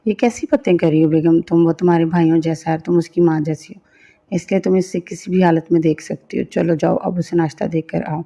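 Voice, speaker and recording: Woman doing a stern young husband, curt scolding, gravelly mellow voice, dull lo-fi audio. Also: on the low side, steady tone. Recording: dull lo-fi recording.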